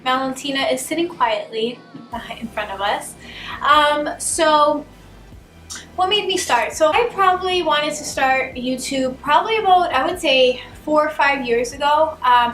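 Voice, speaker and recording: A woman's voice: high-pitched, a bit bright, a little hiss or hum. A woman with a Boston accent hosting a casual couple Q&A at home, chatty and rambling, laughing often. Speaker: channel host. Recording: roomy, distant camera sound.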